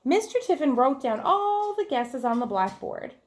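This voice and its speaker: A woman whose voice sits high and swoops through big pitch changes reads a story for children at normal speed. Like a teacher, she tells it expressively and clearly, playing out the dialogue and turning to listeners with questions and casual asides.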